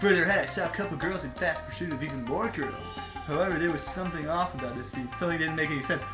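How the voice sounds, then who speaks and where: A man's voice: fairly high pitch, quick pace. A man casually reading a visual novel aloud with a friend, playful and bantering. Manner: playful, reads narration and bickers over parts. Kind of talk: casual let's-read narration. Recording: echoey room with background music.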